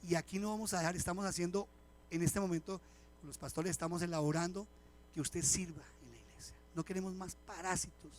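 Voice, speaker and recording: A middle-aged pastor with a voice unusually high for a man preaches briskly at a live church service, with slight background noise. He keeps things animated and conversational, telling funny stories and firing direct questions at the congregation.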